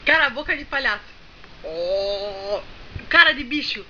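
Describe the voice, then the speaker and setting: A young mother films her small daughter at home, playfully coaxing her and issuing bossy commands as she guides her through a dance and silly faces. Her voice is a little high and a little slow, with lively intonation and a bright, forceful tone. The dull, lo-fi home camera picks up clear background noise.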